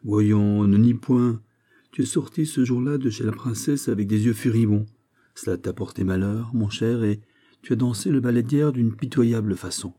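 Brief: male reader doing a jovial, mocking young prince in a storybook reading, dark husky timbre, unhurried. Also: on the low side, natural voice. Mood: teasing jovial. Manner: teasing, laughing, lordly.

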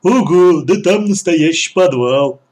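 Hulking gentle lad, slow and mumbling, as a male narrator puts him on. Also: a little high, animated, voice pushed up. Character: big clumsy good-natured young man, obedient.

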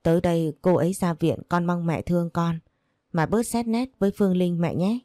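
Read by a female narrator, the grown son speaks softly and warmly in a low register, begging his mother gently. He talks fairly quickly, close to an everyday voice. The sound is dry and close, with no echo.

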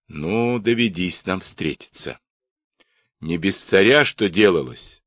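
A man voicing an angry middle-aged Cossack chieftain who shouts fiercely in a storybook reading. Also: deep voice, animated, slow, no echo, full character voice. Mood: indignant.

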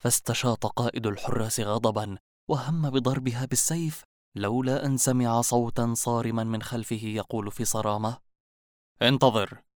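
A man reading a novel aloud as a steady audiobook narrator. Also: medium pitch, a little fast, no echo, studio quality. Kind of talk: scripted narration.

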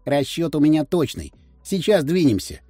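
A man's voice: on the high side, very animated, moderate pace, mellow, slightly rough, dry recording, soft background music. A man voicing a cocky, inventive schoolboy who talks brusquely and bosses his friend around in an audiobook. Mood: bossy. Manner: brusque, eager, bossy. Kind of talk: audiobook character voice.

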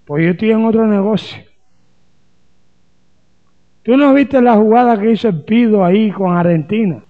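A man's voice: sits high, moderate pace, narrow, tinny audio. A man from Colombia, a pastor preaching a sermon with humor and rhetorical questions.

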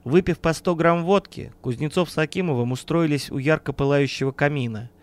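A man narrating a horror audiobook in an even, measured storytelling manner on a close mic. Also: on the high side.

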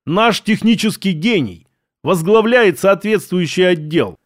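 A man's voice: sits high, lively intonation, unhurried, no room sound, clean studio sound. A man reading an audiobook, voicing a stern middle-aged male boss who barks orders. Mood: pompous. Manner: barking, bossy.

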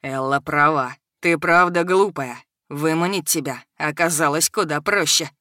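A woman's voice: low-pitched, a little slow, sharp tone, no echo. A woman voicing a cold, aloof male dragon who mocks a goddess, in a dry audiobook recording. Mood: cold mocking. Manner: cold, mocking.

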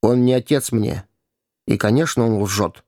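A man's voice: mid-range voice, a little slow, darkish tone, no echo, studio quality, natural voice. A man voicing a haughty boy king in a storybook reading, speaking curtly and coldly. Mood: scornful. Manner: curt and cold. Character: proud young boy king, scornful, stubborn.

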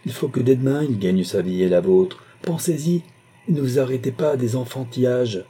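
A man's voice: medium pitch, normal speed, warm tone, husky, pitched above the performer's own voice, natural voice. A man voicing an impatient, reasoning father who admonishes firmly in a storybook reading. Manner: firm and admonishing.

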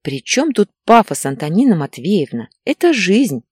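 A woman's voice: mid-range voice, very animated, normal speed, slightly rough, dry recording, clean studio sound. A woman voicing a hysterical, tearful pregnant young wife who whines and snaps defensively. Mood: preachy. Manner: whiny and defensive, breaks into shouting.

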